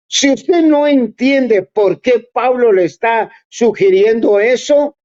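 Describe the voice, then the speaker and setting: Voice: medium pitch, a little mellow. A preacher giving a sermon, exhorting and speaking straight to the listeners in an earnest way. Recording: dull lo-fi recording.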